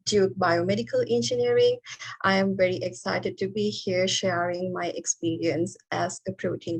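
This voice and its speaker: A woman's voice: on the low side, husky, low-quality recording. Hesitant woman presenting on a video call. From Sri Lanka. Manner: hesitant, many fillers. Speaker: guest speaker, postdoctoral researcher. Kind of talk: online presentation.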